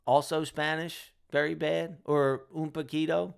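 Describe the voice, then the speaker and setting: A young man with a Delco accent chats with his viewers and tells them he is tired. He rambles and jokes at his own expense. His voice is clear and smooth and sits a little high. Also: flat delivery, measured pace. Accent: Delco, Delaware County, Pennsylvania. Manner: rambling, self-deprecating, joking. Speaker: rideshare driver and channel host. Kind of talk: casual chat with live viewers.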